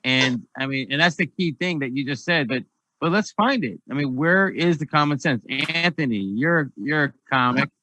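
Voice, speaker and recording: A man's voice: a little high, expressive, normal speed, sharp tone, a little hiss or hum, poor audio. A man moderating a round-table discussion, rambling and repeating words as he steers the talk. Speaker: debate host.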